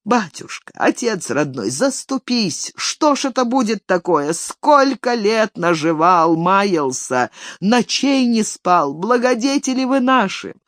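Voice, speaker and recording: A reader voicing an old male village elder who grovels and pleads with his master, raising the voice high and thin. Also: lively intonation, measured pace, dry recording, studio quality, lightly acted. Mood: pleading. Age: older. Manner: wheedling, tearful pleading. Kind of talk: audiobook character reading.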